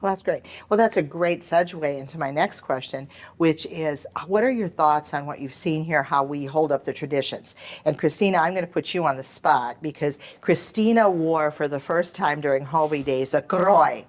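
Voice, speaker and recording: A woman's voice: deep voice, moderate pace, few pauses. A woman from the United States hosting a casual interview, asking short and encouraging follow-up questions. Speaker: host, museum president.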